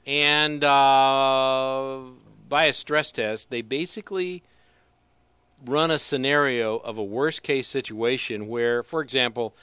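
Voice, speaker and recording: Guy cohosting a money talk show, bright clear voice, dry sarcastic rambling. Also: mid-range voice, slow pace, dry recording. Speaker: co-host. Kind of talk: casual financial talk show chat.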